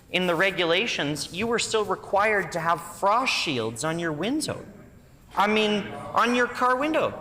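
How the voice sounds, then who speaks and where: Forceful Canadian man in parliamentary debate. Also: high voice, a little hiss or hum. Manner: combative, critical, emphatic. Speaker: opposition legislator. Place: large indoor legislative chamber. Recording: reverberant legislative chamber.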